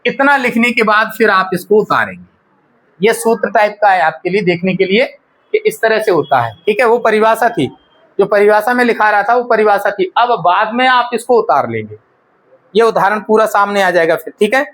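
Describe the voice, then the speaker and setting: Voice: mid-range voice, expressive, moderate pace, fairly bright tone. A teacher explaining a lesson step by step and checking often that the class follows.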